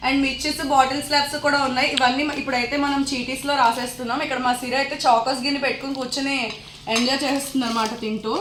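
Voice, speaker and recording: A woman's voice: high-pitched, little pitch movement, very fast. A woman hosting a playful family game vlog, chatty and teasing, counting aloud in a home. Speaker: vlog host. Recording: echoey room with faint noise.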